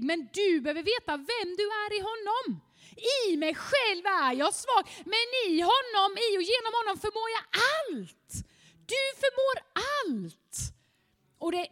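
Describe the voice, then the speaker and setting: High-voiced fervent woman preaching. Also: in a large hall. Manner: fervent, rising to near shouting at times. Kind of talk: sermon.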